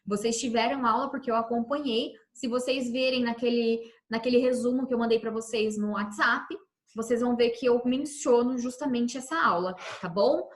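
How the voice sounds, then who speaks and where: Brazilian woman, schoolteacher giving a remote class, patient and repetitive, high voice in a roomy space. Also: moderate pace. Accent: Brazilian Portuguese. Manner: patient, repeats and checks understanding with "tá bom?". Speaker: teacher.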